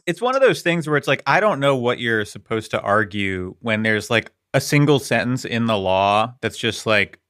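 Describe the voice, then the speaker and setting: A man's voice: medium pitch, expressive, moderate pace, hardly any pauses, a bit bright, clean tone, no echo, studio quality. A man co-hosting a podcast, making crude jokes and laughing mid-sentence in a casual chat. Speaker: podcast co-host. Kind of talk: casual legal discussion.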